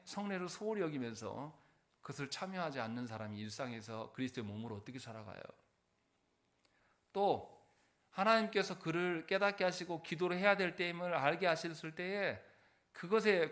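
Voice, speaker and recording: A man's voice: fairly high pitch, a bit bright. A man preaching a Sunday sermon in church as pastor. He keeps putting rhetorical questions to the congregation and answers them himself, pressing points with shifting force. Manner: emphatic, rising and falling in force.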